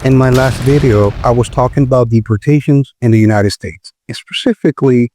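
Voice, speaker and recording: A man from the Republic, hosting his own channel and explaining in a measured way with frequent pauses. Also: medium pitch, mellow, faint music behind. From Dominican Republic. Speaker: video host. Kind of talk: explanatory commentary.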